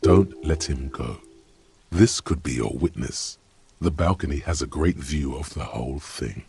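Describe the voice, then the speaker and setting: A man playing the knowing, dry narrator of a detective's inner thoughts in a video game, deliberate and deadpan. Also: exaggerated voice. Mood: insistent. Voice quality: very deep, gravelly.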